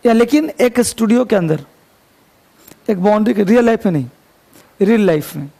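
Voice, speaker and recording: A man's voice: high voice, expressive, normal speed, creaky, mellow. A man teaching an English grammar class, chatty and joking, quizzing his students as he goes. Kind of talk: classroom lecture.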